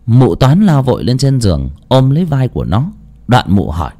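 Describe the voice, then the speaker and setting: A man narrating a horror story in a dramatic storytelling style. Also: moderate pace. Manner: expressive, sweeping pitch.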